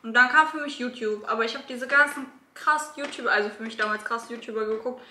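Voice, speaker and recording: A young woman chats casually as a YouTube host. Her voice is fairly high and bright, picked up in an echoey room. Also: fast. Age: 20s. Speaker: YouTuber hosting a mukbang. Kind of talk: casual chat. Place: small room at a dining table. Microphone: camera a few feet away. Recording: echoey room, camera at a distance.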